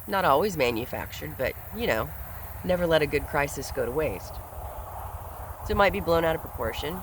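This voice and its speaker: A man's voice: on the high side, lively intonation, a little fast, noisy background. A man hosting a solo podcast, speaking in an earnest, reflective way and often repeating words as he thinks aloud. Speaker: podcast host. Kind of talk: solo commentary monologue.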